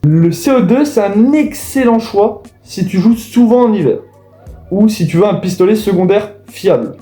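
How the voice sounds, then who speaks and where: A man's voice: high voice, animated, moderate pace, warm tone. A man explaining things to viewers in a casual voice-over. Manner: casual, addresses viewers directly. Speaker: video host. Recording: echoey room with faint music.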